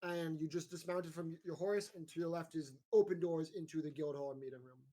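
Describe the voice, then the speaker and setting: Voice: mid-range voice, fairly even intonation, fairly quick, warm tone. A game master narrating a tabletop game in a casual, rambling way full of fillers.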